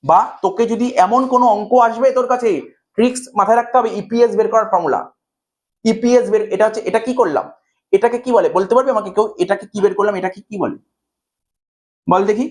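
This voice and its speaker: Fast and high-voiced with a darkish tone, a male commerce tutor from India speaks with a Bengali accent. He delivers a math lecture at a whiteboard, constantly checking that his students are following along.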